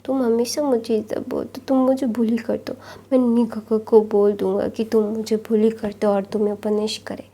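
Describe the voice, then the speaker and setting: A woman's voice: fairly high pitch, level tone, moderate pace, dark tone. A woman voicing a pouty, easily upset young man who keeps complaining, as part of a story reading. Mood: sulky. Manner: complaining, sulky.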